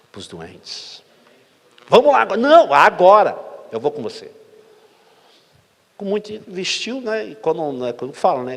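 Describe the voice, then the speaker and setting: Animated pastor in a reverberant hall. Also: male voice, mid-range voice. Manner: animated, acts out dialogue voices, asks the crowd questions. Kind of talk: sermon storytelling. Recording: long reverb of a church hall.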